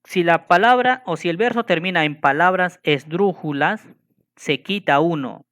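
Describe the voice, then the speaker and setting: A man's voice: high-pitched, normal speed, fairly bright tone. A man teaching a lesson on poetry, patiently repeating rules and counting syllables aloud while checking that students follow.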